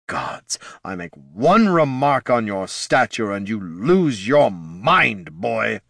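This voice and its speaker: A man's voice: fairly low pitch, very animated, slow pace, creaky, a bit bright, no room sound, studio quality, full character voice. A man voicing a scornful old male lich sorcerer who hisses and snarls his lines. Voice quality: hissing. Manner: contemptuous, hissing and snarling.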